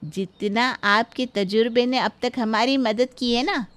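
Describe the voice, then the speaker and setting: A fretful middle-aged mother, quick to scold and complain, voiced by a woman. Her voice sits high and clear above the others in this cartoon story. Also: a bit bright. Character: worried, sharp-tongued middle-aged mother.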